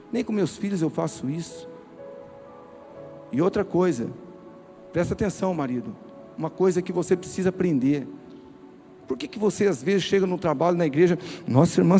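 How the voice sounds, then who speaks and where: Brazilian male pastor, mellow tone, forceful direct preaching to the congregation. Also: high voice. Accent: Brazilian Portuguese. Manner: emphatic, direct, addresses listeners. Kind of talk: sermon. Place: church.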